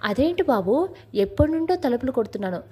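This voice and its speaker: A woman's voice: high-pitched, big pitch swings, a little fast, warm tone, husky, exaggerated voice. A woman voicing a fussy, caring old housemaid in a Telugu audio story, talking in a chatty, fussing way.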